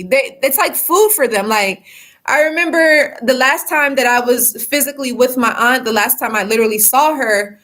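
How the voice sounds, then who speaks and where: High-pitched woman in her 30s, coach, chatty livestream, lots of "like" and "you know". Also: a bit bright. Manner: rambling, many fillers like "you know" and "like". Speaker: life coach. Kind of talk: casual livestream talk to viewers.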